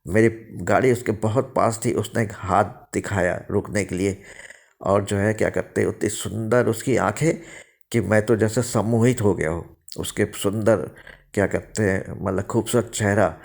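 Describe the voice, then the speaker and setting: A man's voice: fairly low pitch, steady tone, moderate pace, vocal fry. A man narrating his own ghost story in the first person, rambling, with many fillers and restarts. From India.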